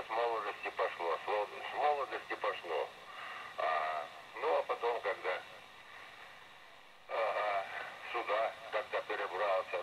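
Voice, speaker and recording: An older man with a low voice chats casually as a ham radio operator, rambling and repeating words and phrases. His voice comes over shortwave radio with added reverb and compression, playing from a transceiver in a room. The noisy reception is picked up from the speaker.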